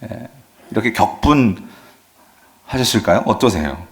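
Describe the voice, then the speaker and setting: A man's voice: fairly low pitch, animated, slow. A man preaching a sermon as pastor, asking the congregation questions and dropping frequent affirming fillers.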